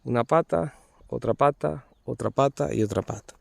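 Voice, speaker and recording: A man's voice: medium pitch, moderate pace, vocal fry, a little mellow, no room sound, studio quality. A man, explaining olive pruning outdoors in an olive grove, informal and constantly pointing things out to viewers. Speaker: olive pruner. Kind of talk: hands-on field demonstration.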